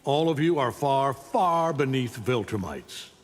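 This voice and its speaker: A middle-aged male voice of medium pitch plays an arrogant alien superhuman conqueror in a cape for a fighting game's fight-intro dialogue. Expressive and unhurried, he sounds cold, domineering, imperious, condescending, and threatening, with faint music behind him. The audio rings with long, hall-like reverb in a big reverberant space.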